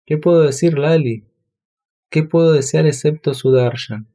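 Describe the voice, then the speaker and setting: A man's voice: fairly high pitch, normal speed, dark tone, pitched above the performer's own voice, lightly acted. A man voicing a grieving blind old hermit in a storybook reading, plaintive and brusque. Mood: lamenting.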